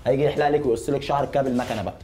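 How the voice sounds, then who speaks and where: Posing as a hairdresser in a hair salon for a hidden-camera prank, a man with an Egyptian Arabic accent calmly provokes his customer with deadpan insults. He speaks very fast in a mid-range voice.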